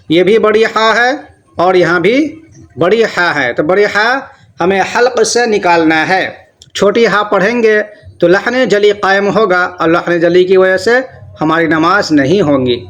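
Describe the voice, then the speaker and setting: A man teaching tajweed in Urdu, switching between quick, stern explanations of common mistakes and slow, drawn-out chanted recitation. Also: sits high, fairly bright tone. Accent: Pakistani Urdu.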